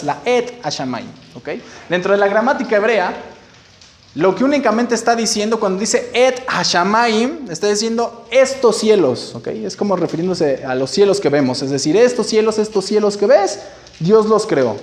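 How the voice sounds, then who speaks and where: A man teaching a Bible study to a group, explaining patiently and checking in often with "ok?". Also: sits high. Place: room with a listening group. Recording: echoey room, faint background noise.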